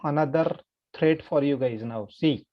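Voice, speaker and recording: A man, coaching kids at chess and thinking out loud patiently, asking "okay?" as he goes. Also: a little high, measured pace, lo-fi sound. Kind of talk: online chess lesson to kids.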